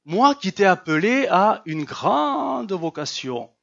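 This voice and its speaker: God in a sermon retelling, gently questioning, voice leaps high and low, feigned surprise, put on by a preacher. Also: male voice, very animated, slow pace, gravelly, lo-fi sound, full character voice. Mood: astonished. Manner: incredulous rhetorical questions.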